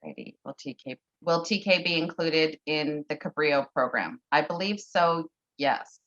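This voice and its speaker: Really low-voiced woman on a lo-fi conference call, lots of ums and uhs. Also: normal speed, a bit bright. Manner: hesitant, many fillers. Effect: conference call audio. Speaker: program staff answering parent questions. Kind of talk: online parent info session. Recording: dull lo-fi conference call audio.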